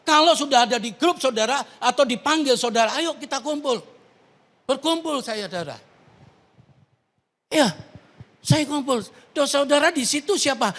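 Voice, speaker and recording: A man's voice: extremely high pitch, fairly bright tone. A man preaching a sermon as pastor, calling out to the congregation with rising, emphatic questions. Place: large church hall. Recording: long hall reverb.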